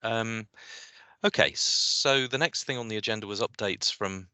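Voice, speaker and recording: A man chairing an online meeting, moving through the agenda with hesitant pauses and fillers. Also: fairly low pitch, sharp tone, clear, resonant tone, no echo. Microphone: video call.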